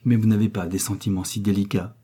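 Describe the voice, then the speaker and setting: A man's voice: on the low side, level tone, fast talker, husky. A man voicing a young mother who speaks firmly and with cold disdain. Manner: gentle turning stern. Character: young mother, gentle but firm.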